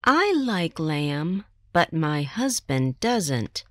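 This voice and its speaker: A woman with an American accent reading textbook dialogue lines for language learners, enunciating clearly. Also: low-pitched, big pitch swings, drawn-out words, no echo, clean studio sound. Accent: General American. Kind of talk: slow scripted textbook reading.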